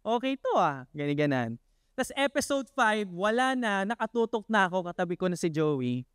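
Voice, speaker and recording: A man preaching a casual, conversational sermon who peppers the congregation with questions and laughs, stumbles through fillers and then builds to excited emphasis. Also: high-pitched, moderate pace, clear, resonant tone, dry recording, studio quality. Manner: chatty, asks the congregation questions, laughs often. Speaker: pastor. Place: church worship hall.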